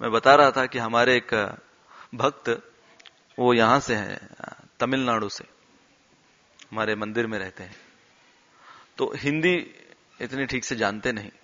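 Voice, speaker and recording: A man giving a devotional talk, telling stories in an animated way and acting out the quoted lines. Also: medium pitch, measured pace, pauses often. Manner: animated storyteller, acts out quotes and laughs along. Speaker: temple speaker. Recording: dull sound with long hall reverb.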